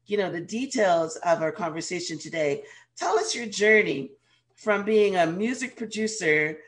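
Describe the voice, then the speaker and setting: A woman from Guyana, hoarse with a cold, speaking as a radio show host and life coach in an interview. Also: medium pitch, animated, normal speed. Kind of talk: interview hosting.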